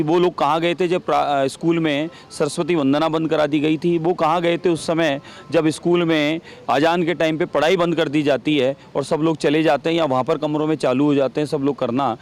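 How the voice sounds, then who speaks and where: A man's voice: a little high, fairly even intonation, moderate pace. A man giving a heated interview as a legislator, combative, repeating rhetorical questions.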